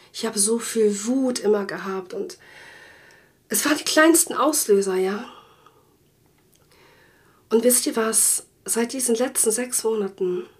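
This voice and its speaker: A woman from Germany hosting a faith podcast, telling her personal testimony earnestly, often slowing down and sinking into soft whispers. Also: a little high. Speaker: podcast host.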